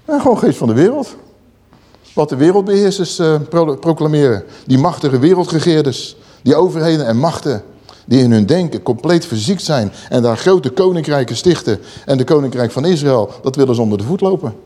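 A man's voice: on the high side, lively intonation, fairly quick, warm tone. A man preaching a sermon, explaining scripture with questions to the listeners and dramatic readings.

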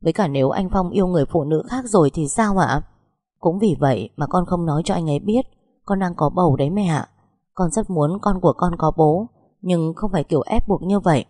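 A woman's voice: fairly low pitch, a little fast, warm tone, breathy edge, no echo, clean studio sound. A woman voicing a young pregnant wife who speaks hesitantly, stammering and pleading.

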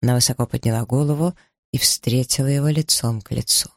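A man reading a novel aloud in measured, even storytelling narration. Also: mid-range voice, creaky, no room sound, studio quality. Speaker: audiobook narrator. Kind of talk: scripted narration.

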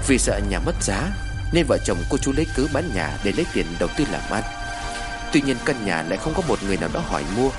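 A man reading a scripted horror story aloud in a dramatic, expressive way. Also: lowish voice. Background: faint music.

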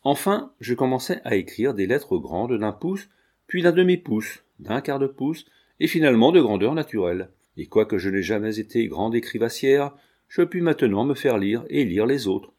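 A man reading a classic novel aloud in a measured, expressive narration. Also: mid-range voice. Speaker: audiobook reader. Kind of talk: scripted narration.

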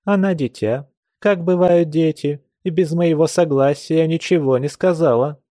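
A man's voice: unhurried, warm tone, dry recording, clean studio sound, natural voice. A man reading an audiobook, voicing a stern, fussing old grandmother who scolds. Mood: scolding. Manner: scolding, raised higher voice.

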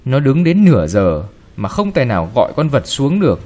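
A man reading a short story aloud with expressive, varied delivery. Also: mid-range voice, fairly quick. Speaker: narrator.

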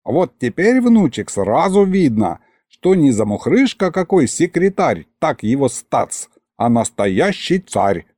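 A man's voice: mid-range voice, very animated, slow pace, a little mellow, dry recording, studio quality. A man voicing a cheeky old grandfather who talks in a folksy, teasing way in an audiobook. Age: older. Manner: folksy, wheedling, chuckling. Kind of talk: audiobook character voice.

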